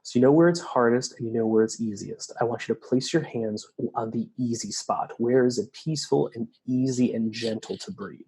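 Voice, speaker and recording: Male meditation guide, mellow and breathy, calm soothing delivery. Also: medium pitch, low-quality recording. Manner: slow, soft, soothing instructions.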